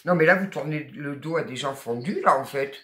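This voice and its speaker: A tarot card reader with a Southern French accent gives a spoken guidance reading. The delivery is emphatic, chatty and encouraging, with blunt asides. The voice sits at a middle pitch and rings in an echoey room. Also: brisk, pushed and bright.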